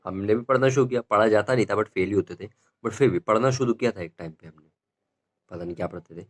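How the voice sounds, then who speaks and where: A teenage male stand-up comedian telling rambling school stories in an animated, laughing way. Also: lowish voice, fast. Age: teens.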